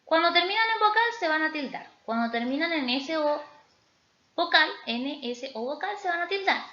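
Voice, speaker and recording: Bright high-voiced woman teaching a class. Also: expressive, normal speed. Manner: explanatory, checking in with a repeated "¿ya?". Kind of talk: recorded spelling lesson. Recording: echoey room, slightly dull sound.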